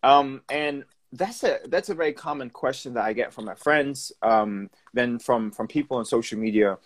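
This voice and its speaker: A man's voice: mid-range voice, moderate pace. A man in his twenties from Turkey and Georgia, hosting a podcast interview on a live video call, enthusiastic and affirming. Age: 20s. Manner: enthusiastic, affirming, restarts sentences. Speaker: podcast host. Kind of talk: casual interview. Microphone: phone on a live video call.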